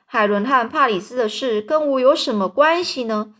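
A woman's voice: fairly high pitch, moderate pace, a bit bright, close to an everyday voice. A woman doing a pleading young girl. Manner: pleading, tearful, childlike.

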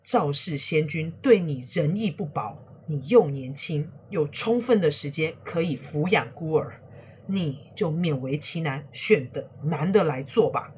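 A woman's voice: sits low, expressive, a little slow, a little mellow, a little hiss or hum. Woman doing an anguished old retainer. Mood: earnest. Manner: cries out in anguished, raised pleas. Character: old loyal male retainer, desperate and defiant.

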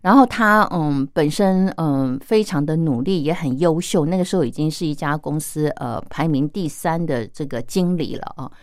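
Middle-aged woman host, low-pitched and gentle, reflective on-air talk in a dry studio. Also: moderate pace, few pauses, no echo. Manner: gentle, earnest, many soft fillers. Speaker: radio host.

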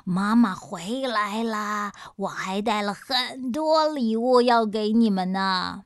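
A woman voicing a sly mountain monster who pretends to be the children's mother, calling in a slow, coaxing drawl. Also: medium pitch, smooth, no room sound, clean studio sound.

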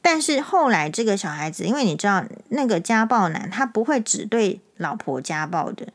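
Animated woman podcaster. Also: mid-range voice. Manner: animated, indignant, emphatic when retelling. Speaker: podcast host, eye doctor. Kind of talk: casual storytelling monologue.

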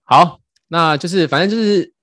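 A man's voice: a little high, normal speed, no room sound, studio quality. A man telling a funny story in casual podcast chat, laughing and acting out the quotes. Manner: animated, laughing, acts out quotes. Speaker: podcast host.

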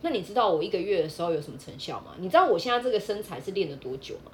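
Fast, lively woman teasing her husband. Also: on the low side, slight background noise. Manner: playful, teasing, dramatizes with acted-out quotes. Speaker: podcast co-host, wife. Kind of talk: casual couple chat.

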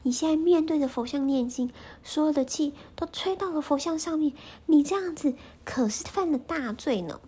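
Woman doing a high, breathy little boy monk. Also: normal speed, hardly any pauses, dark tone, close to an everyday voice. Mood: triumphant. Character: clever little boy monk, under ten.

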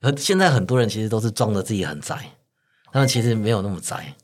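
A man's voice: fairly low pitch, animated, fast. A man with a Taiwanese accent in casual, talkative conversation, dropping English gamer terms into his speech. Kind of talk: casual chat.

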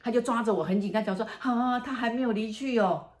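A woman with a Taiwanese Mandarin accent, a fortune teller telling a ghost story in animated, exclamatory casual chat. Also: on the high side, fast. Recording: echoey room.

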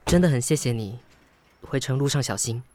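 A man with a brisk, medium-pitched voice close to everyday speech acts in a Taiwanese Mandarin radio drama, with inner monologue. He plays a polite, sentimental young man, flustered and apologetic, using sighs, expressive delivery, and hesitant interjections. This studio recording has background music and background noise.

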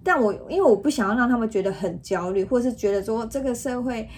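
A woman's voice: a little high, lively intonation, fast, a little mellow, a little hiss or hum. A woman, a mother co-hosting a parenting podcast and earnestly recounting family moments. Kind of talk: casual parenting podcast chat.

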